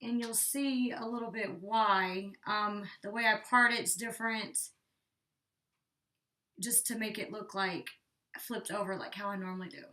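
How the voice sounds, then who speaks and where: Steady and medium-pitched, this young woman's voice is bright and forceful at a measured pace. A beauty vlogger, she chats loosely through a hair tutorial, leaning on "like" and sounding a bit congested and breathless, captured distant from the mic.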